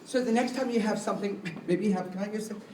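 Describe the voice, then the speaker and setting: A man with a high-sitting, mellow voice speaks at a quick pace, playfully introducing a live puppet show to children and asking his young audience questions. The recording comes from a distant mic in an echoey room, with music playing behind him and slight background noise.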